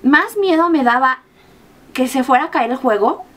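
High-voiced, animated Mexican woman vlogger. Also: moderate pace. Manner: animated, acts out her own screams and quoted lines in a higher voice. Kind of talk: casual storytelling.

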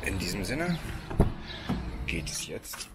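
A man's voice: sits low, sing-song, takes it slowly. A man in his thirties casually vlogging outdoors at a car park charging station, filming himself with a phone held at arm's length and chattily explaining what he sees. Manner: chatty, explaining while walking around outdoors. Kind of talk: casual vlog narration. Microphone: phone camera at arm's length. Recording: loud outdoor background noise.

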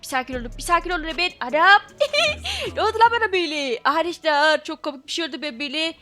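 A woman's voice: sits high, racing, sharp tone. A woman commentating her own gameplay as a channel host, exclaiming, laughing and repeating her phrases.

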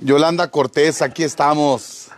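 A man's voice: fairly high pitch, steady tone, a little slow. A man with a Mexican accent chatting and teasing an elderly man, reading out greetings from viewers. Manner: jokey, reads out viewer greetings. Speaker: vlogger visiting an elderly man. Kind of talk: casual teasing chat.

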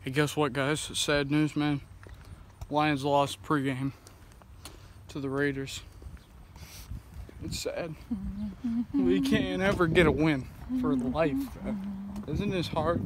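A young man talks casually into a phone from inside a moving car, his voice sitting a little high. He rambles, jokes and restarts his sentences often. Steady road and car noise runs under the whole clip. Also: slow pace, long pauses. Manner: rambling, jokey, with many restarts. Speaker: vlogger. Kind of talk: casual vlog chat.

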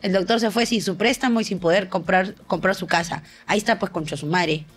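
A woman's voice: mid-range voice, brisk, breathy edge. A young woman co-hosting a comedic podcast, telling stories animatedly, acting out voices and laughing often. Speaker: podcast co-host. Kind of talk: casual comedic chat.

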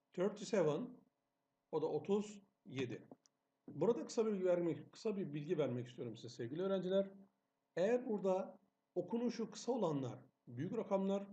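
A man's voice: fairly high pitch, mellow. A male English teacher patiently walking students through exam questions, asking and answering his own questions. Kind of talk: exam-prep lesson narration over slides.

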